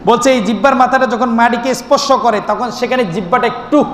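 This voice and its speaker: Male preacher with a very high voice, sermon in a long-reverb hall, asks and answers his own questions. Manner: chanting drawn-out calls mid-sermon; asks the crowd questions and answers them himself. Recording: echoey hall recording with faint noise.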